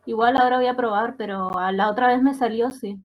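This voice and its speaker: Female student, somewhat high voice. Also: fairly even intonation, fairly quick, a crowd in the background. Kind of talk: asking questions in class.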